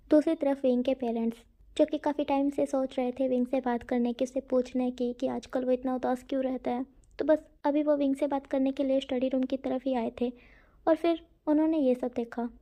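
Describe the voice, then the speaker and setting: A woman's voice: sits high, mellow. A woman narrating a story in a casual, chatty way, talking straight to her listeners. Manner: chatty, addresses the listeners directly.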